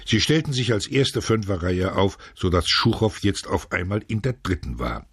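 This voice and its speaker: A man reading a novel aloud as scripted narration, measured and steady, switching to loud shouts for quoted lines. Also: fairly low pitch, husky, no room sound, clean studio sound. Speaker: audiobook narrator.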